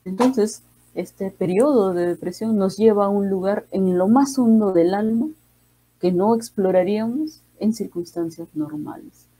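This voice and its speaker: A woman psychiatrist with a Peruvian accent giving a calm, reflective talk, speaking gently and slowly with pauses. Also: mid-range voice, husky, low-quality recording. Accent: Peruvian Spanish. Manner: gentle, slow, measured with pauses.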